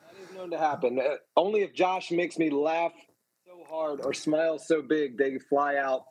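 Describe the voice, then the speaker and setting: A man's voice: on the high side, steady tone, normal speed. A male podcast co-host chatting casually and jokily into earbuds, often searching for his words. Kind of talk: casual chat. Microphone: wireless earbuds with a tablet. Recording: earbud microphone.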